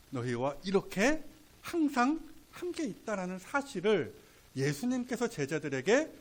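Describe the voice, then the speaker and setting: A male pastor preaching a sermon, swinging between soft, casual asides and loud, drawn-out emphatic lines. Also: sits high. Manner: colloquial, playful asides.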